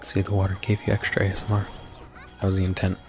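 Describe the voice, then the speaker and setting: Half-whispering to his stream chat while he plays, a young man with a lowish voice offers casual gaming commentary, attempting ASMR-style whispering. His soft, breathy delivery is fast and monotone, with mouth noises, and his throat is getting sore. Faint game music runs underneath.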